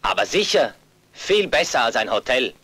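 A man's voice: mid-range voice, sing-song, normal speed, pushed and bright, breathy edge, no echo, heavily acted, low-quality recording. A man dubbing a young adult younger brother, earnest and insistent, protective of his family. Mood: calm. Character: protective younger brother, a fighter back home. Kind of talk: German film dub.

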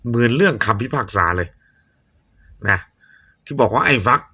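Guy reacting to a movie trailer, rambly and opinionated, bright husky voice. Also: mid-range voice, big pitch swings, moderate pace. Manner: rambling, opinionated, corrects himself often. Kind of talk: casual chat.

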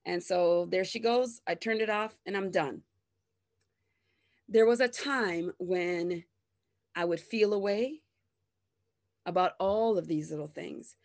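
A woman with a slightly low voice rants straight to camera in a loose, unscripted way. She is candid and swears freely. She drops into exaggerated voices when she imitates what other people say. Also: slow, long pauses. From grew up partly in the United States. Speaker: host of a self-help channel. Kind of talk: casual unscripted rant to camera.

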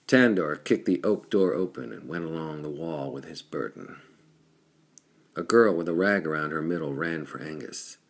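Audiobook narrator, male: very deep, husky, measured pulp reading.

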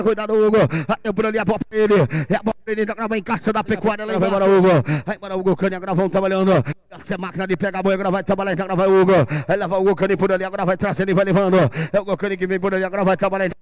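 A Brazilian man calling a roping event live as a fast sports commentator, with excited, repetitive chanting calls. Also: high-pitched, dry recording. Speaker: rodeo roping announcer.

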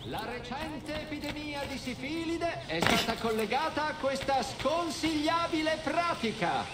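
A man's voice: very high-pitched, lively intonation, measured pace. A man playing a town crier in a video game, formally proclaiming news to the citizens in a declamatory way. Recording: echoey, loud music and street noise behind.

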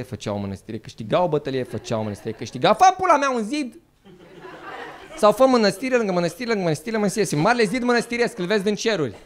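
A man performing a stand-up comedy set, animated and mock-outraged, jumping into quick character voices. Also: high-pitched. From Romania. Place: live comedy venue.

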